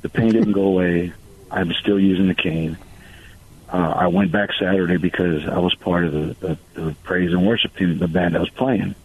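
A man's voice: low-pitched, fairly even intonation, normal speed, a little hiss or hum. A man calling in to a radio show over the phone, talking in a hesitant, rambling way with lots of fillers. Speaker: caller. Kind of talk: call-in radio conversation. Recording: tinny phone line on radio.

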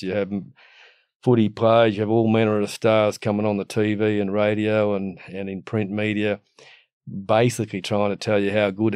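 A man's voice: on the low side, a little mellow, clear, resonant tone, no room sound, clean studio sound. A middle-aged Australian man ranting casually and bluntly, with the earthy, matey slang and mild swearing of an Aussie tradesman. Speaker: guest giving opinions. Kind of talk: casual opinionated rant.

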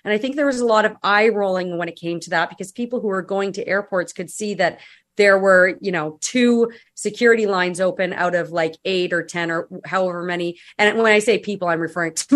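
A woman guest-hosting a radio talk show, chatty and sarcastic, with frequent restarts. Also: mid-range voice.

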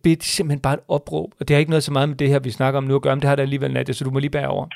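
A man's voice: medium pitch, monotone, creaky, darkish tone, no room sound. A man in his thirties or forties chatting casually as a podcast co-host, talking bluntly and swearing when he gets worked up. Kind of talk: casual chat.

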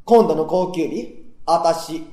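A man's voice: on the high side, mellow, reverberant. A man putting on a coy, nasal young wife. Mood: pouting. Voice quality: nasal, from the head voice. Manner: coaxing, drawn-out lines. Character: coquettish young wife, sweet and pouting. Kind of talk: rakugo storytelling.

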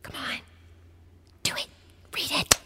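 A woman's voice: slow, lightly acted. An actress playing a bossy young woman who hisses instructions in urgent whispers. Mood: urgent hushed.

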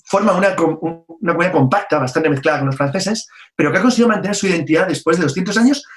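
A man, explaining history in a chat with brisk, detailed asides. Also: a little high, soft background music. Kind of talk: casual radio chat.

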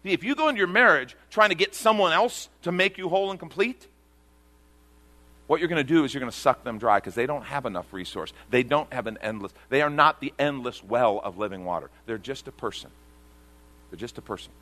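A man delivers an earnest sermon from a church pulpit, his voice bright and forward. He reads scripture passages aloud, then drops to a hushed tone to press his point. He sounds middle-aged, speaking at an even, mid-range pitch. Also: brisk. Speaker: pastor. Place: church sanctuary before a congregation.

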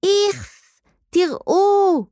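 A woman's voice: mid-range voice, dark tone, no room sound, clean studio sound, natural voice. A woman voicing a bossy little girl who shrieks indignantly in a children's story. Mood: shrieking. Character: bossy shrill little girl at a market stall.

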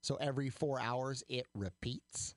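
A man's voice: mid-range voice, unhurried, dry recording, studio quality. A man co-hosting a tech talk radio show, chatting casually with many fillers and restarts. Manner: chatty, hesitant with fillers and repeats.

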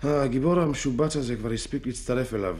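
A man's voice: medium pitch, darkish tone, close to an everyday voice. A man playing a flustered, indignant young poet. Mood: tense. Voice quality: stammering, indignant. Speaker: agitated poet telling his story to a doctor. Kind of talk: radio drama acting.

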